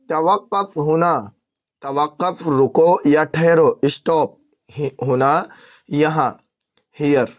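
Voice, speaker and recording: A man with an Urdu accent leads a recorded lesson on everyday Arabic phrases. His voice sits a little high, and he takes his time. He says each phrase slowly and repeats it, then glosses it in Urdu and English. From South Asia. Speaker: Arabic language teacher.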